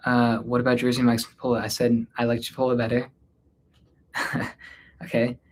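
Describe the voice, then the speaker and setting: This North Indian livestream host, from around Delhi, chats through a casual Q&A in Hindi blended with English, his first language being Hindi. He speaks at a normal pace in a medium pitch with a completely flat delivery, sounding weary, informal, and hesitant as his answers fade out. A slight hiss or hum sits in the recording.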